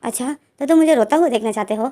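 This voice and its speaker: A doting older man, soft and coaxing, whose words are all affection and gentle teasing, as a woman reads him out. The voice sits a little high yet sounds mellow and warm. It plays like a read-aloud storybook lover. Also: quick pace, close to an everyday voice.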